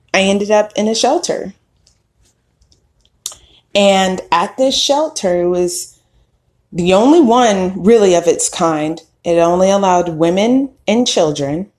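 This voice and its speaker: A woman in her thirties, a podcast host, telling her own story in a slow, candid and reflective way. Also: fairly low pitch. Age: 30s. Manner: slow, reflective, candid with occasional soft laughs. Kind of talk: personal storytelling monologue.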